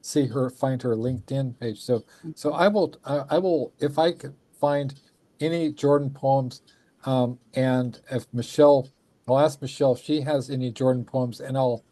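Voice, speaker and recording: A man's voice: medium pitch, normal speed, warm tone, no room sound. A man hosting a casual chat, effusive and rambling, often repeating his phrases. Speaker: show host.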